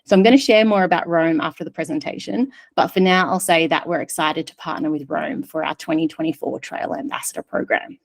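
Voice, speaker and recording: A woman hosts a webinar over a video call. Her voice sits slightly low, and she reads a friendly introduction with the odd filler. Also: a little fast, gravelly, hardly any pauses. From Australia. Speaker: webinar host. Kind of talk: hosting a webinar.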